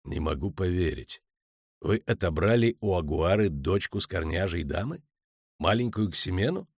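A man voicing a calm, hardened monster hunter with a dry, sardonic manner. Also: low voice, normal speed, slightly rough, no room sound, heavily acted. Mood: stern.

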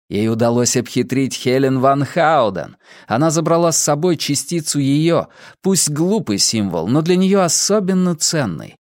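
A man reading an audiobook in measured scripted narration. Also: fairly high pitch, darkish tone, no echo, studio quality. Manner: measured storytelling.

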